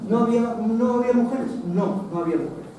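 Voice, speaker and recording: A man's voice: very high-pitched, fairly quick. A man giving a conversational public lecture with slides, digressive and full of restarts and asides. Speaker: lecturer on military history. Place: association meeting hall, indoors. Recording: echoey hall, distant mic, faint noise.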